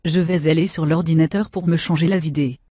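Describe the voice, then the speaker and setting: Woman acting out a crude, smug young woman, dark husky tone, comic machinima lead. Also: sits low, steady tone, fairly quick, no room sound, clean studio sound. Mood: brash. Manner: brash, insulting, self-satisfied. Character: vain crude foul-mouthed young woman.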